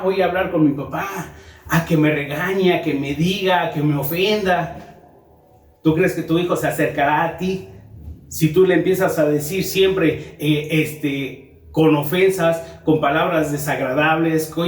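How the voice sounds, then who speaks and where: A man's voice: a little high, roomy sound, recorded from a distance. A man preaching a sermon to a congregation, asking them rhetorical questions. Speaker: pastor. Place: church.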